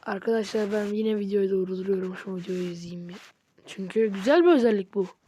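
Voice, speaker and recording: A woman giving casual let's-play commentary, excitable, talking straight to her viewers and slipping into whispered asides. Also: mid-range voice, a little fast, slight background noise. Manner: excitable, often addresses viewers as "friends", drops into whispered asides. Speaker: gaming channel host.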